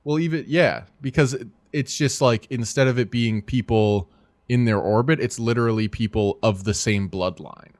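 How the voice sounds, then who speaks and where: A man's voice: medium pitch, normal speed, no room sound. A man co-hosting a casual movie podcast, rambling and hesitant with lots of fillers. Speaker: podcast co-host.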